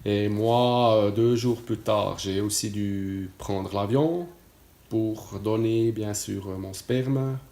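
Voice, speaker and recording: With fairly even intonation and a slow pace, this Swiss man's fairly low, dark voice echoes in a reverberant space. In his late forties, he has a Swiss French accent and offers a casual testimonial. He speaks hesitantly, with many fillers and restarts.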